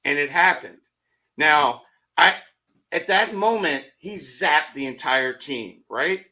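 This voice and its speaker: A middle-aged man in a motivational podcast conversation. His voice is bright and forceful and sits slightly high for a man. He tells stories with energy, throws out rhetorical questions and acts out his own thoughts in quoted asides. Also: expressive, slow pace. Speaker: podcast guest.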